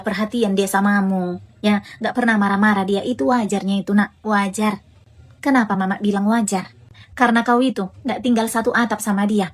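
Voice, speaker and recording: A blunt, preachy mother with a Medan accent and a fairly high voice, played by a woman. She hammers her points home, repeating phrases over and over as she lectures her grown son, in a comedic family skit. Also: a little mellow, lightly acted. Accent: Medan Indonesian. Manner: scolding, preachy, repeats herself for emphasis.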